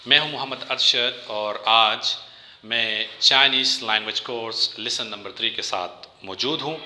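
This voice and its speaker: A man teaching a language lesson, patiently repeating each word slowly for learners. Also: medium pitch, sharp tone, roomy sound, slight background noise.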